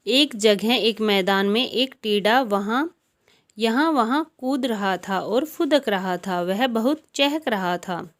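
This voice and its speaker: A woman narrating moral stories for children in a calm, deliberate reading style. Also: a little high. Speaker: storyteller. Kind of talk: storybook narration.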